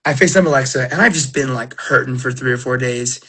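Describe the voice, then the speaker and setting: Talking fast in a mid-range, slightly bright voice with a breathy edge, a middle-aged man chats casually to viewers while opening trading cards on his livestream. Still recovering from illness, he rambles through emotional stories packed with fillers and restarts.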